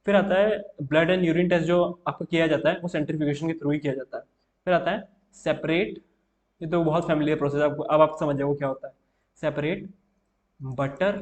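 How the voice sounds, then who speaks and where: A young man with a slightly high voice teaches an exam-prep chemistry lesson. He talks casually and often checks in with his viewers as he explains at the board. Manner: casual, repeats "theek hai" often, writing on board.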